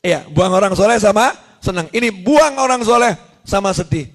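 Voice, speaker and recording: A man's voice: sits high, moderate pace. A man preaching an Islamic sermon, telling a prophet's story with acted-out voices and jokes aimed at the women in the audience. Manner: lively storyteller, acts out quoted voices, jokes with the women listeners.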